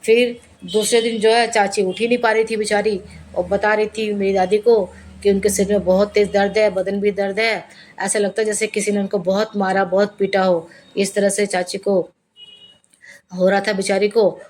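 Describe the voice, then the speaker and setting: A woman's voice: mid-range voice, moderate pace, slight background noise. A woman telling a spooky first-person story, acting out the voices of the people in it. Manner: lively retelling with voiced quotes.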